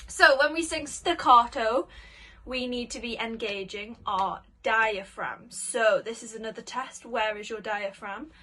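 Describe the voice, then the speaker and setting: A woman singing teacher giving spoken warm-up instructions, explaining simply and encouragingly, step by step, as if for children. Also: a little high, measured pace.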